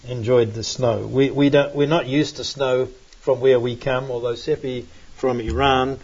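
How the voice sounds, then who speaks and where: Husky New man rambling. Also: mid-range voice, steady tone, a little slow, darkish tone. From New Zealand. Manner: rambling, hesitant, many fillers. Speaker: pastor. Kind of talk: relaxed sermon chat and prayer. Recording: dull lo-fi recording.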